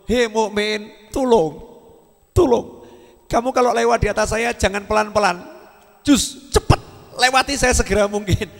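A man voicing hell as a frightened being that pleads urgently and loudly with believers to hurry across. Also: moderate pace, gravelly, pauses often. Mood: frightened pleading. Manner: high, loud, urgent pleading. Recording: echoey hall reverb.

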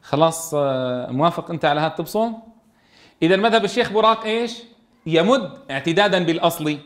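A man's voice: fairly high pitch, lively intonation, fast. A man teaching a tajweed lesson in a classroom, keeps asking his students questions and answering them himself. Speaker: Quran recitation teacher.

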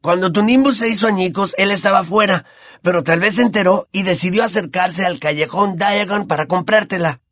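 A man voicing an excitable, impatient teenage boy in an audiobook, eager and boisterous. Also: high voice, a little fast, dry recording, clean studio sound, pitched above the performer's own voice. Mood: excited.

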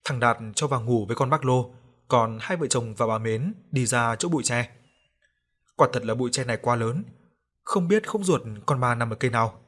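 A man's voice: mid-range voice, moderate pace, a bit bright. A man narrating a ghost story in a scripted storytelling style, sometimes raising his voice to act out a grieving mother's pleading. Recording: faint music underneath.

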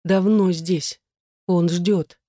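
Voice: mid-range voice, fairly even intonation, very slow, warm tone, dry recording, studio quality. A reader voicing a frightened young woman captive in an audiobook, in a strained, pleading voice. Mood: tense, hushed. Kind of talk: audiobook reading.

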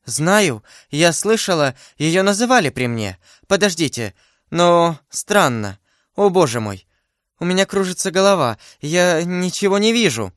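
A man's voice: fairly high pitch, sing-song, measured pace, fairly bright tone, no room sound, studio quality, voice pushed up. A man voicing a frightened, fading young woman, raising his voice to plead breathlessly. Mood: anxious.

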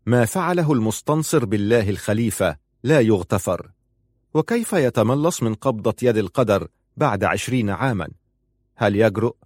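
A man narrating an audiobook in a steady, measured storytelling manner. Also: on the low side, dry recording. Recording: dry close recording.

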